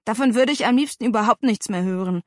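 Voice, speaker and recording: A woman voicing an excitable little girl with a big appetite, coaxing and eager in an audiobook. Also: fairly high pitch, fast, dry recording, studio quality, natural voice. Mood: breathless.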